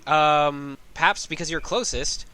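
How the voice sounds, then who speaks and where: Bright-voiced man running a tabletop game. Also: fairly high pitch, slow, clear, resonant tone. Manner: casual, laughs often, corrects himself mid-sentence. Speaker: game master.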